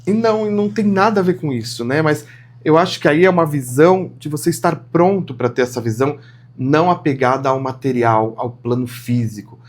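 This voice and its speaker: A man's voice: fairly high pitch, brisk. A middle-aged man co-hosting a podcast, speaking sincerely and reflectively in a casual chat. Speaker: podcast co-host.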